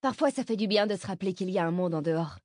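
A woman's voice: medium pitch, expressive, racing, darkish tone, dry recording, clean studio sound, close to an everyday voice. A woman reading the part of a pregnant young woman who speaks bluntly and questions everything. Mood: curt.

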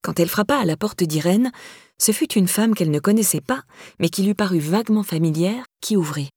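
A woman narrating an audiobook in a calm, even storytelling voice, close to the mic. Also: mid-range voice, brisk, husky, no echo.

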